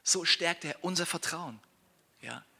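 Bright-voiced man preaching a sermon. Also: fairly high pitch, measured pace, gravelly, slightly rough. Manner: earnest, tag questions like "ja?"; restarts and repeated words. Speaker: pastor and church planter.

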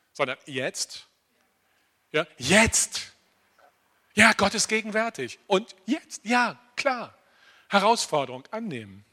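An animated older man preaching to a church congregation, his voice high and bright as he swings from loud, emphatic declarations down to quiet asides. He keeps turning to his listeners with direct questions and slows right down on the phrases he wants to land. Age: around 60. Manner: animated, addresses listeners directly with frequent "verstehst du?". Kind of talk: lively sermon.

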